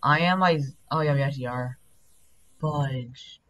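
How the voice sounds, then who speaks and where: Speedrunning a game, a young man chats casually, rambling with plenty of fillers and quick asides. His voice sounds deep yet carries a fairly bright tone.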